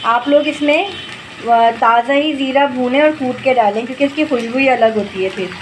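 Filming on her phone above the kitchen stove, a woman hosts a cooking video and explains every step to viewers in a warm, teaching tone. Her voice is high and she speaks at a normal speed. Food sizzles and a pot gets stirred in the background, making the recording noisy.

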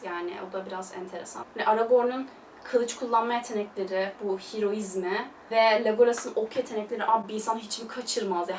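A young woman chatting through a casual film review, gushing and loose, full of fillers. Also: a little high. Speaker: film vlogger. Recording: roomy, distant mic, faint hiss.

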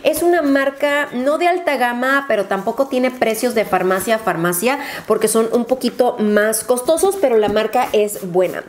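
A woman's voice: a little high, a little mellow, a little hiss or hum. A woman, a beauty YouTuber talking chattily and gushing through a casual unboxing haul, dropping English exclamations.

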